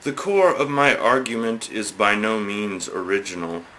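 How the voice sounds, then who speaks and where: A man's voice: on the low side, unhurried, sharp tone, poor audio. A man giving a hammy, theatrical dramatic reading of a scripted satirical essay, leaning on words for emphasis.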